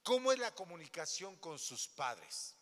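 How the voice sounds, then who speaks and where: A man's voice: a little high, sing-song, measured pace, a bit bright. A man pastor preaching a sermon in a church, throwing questions at the congregation and acting out little scenes. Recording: long hall reverb.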